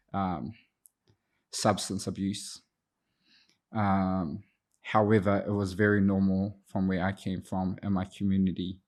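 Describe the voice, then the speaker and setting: An addiction counsellor in his thirties from Auckland, New Zealand, appears as a podcast guest, his low voice a little mellow. He has a New Zealand accent and grew up speaking Te Reo Māori. With some hesitation, he reflectively shares his personal story in the interview.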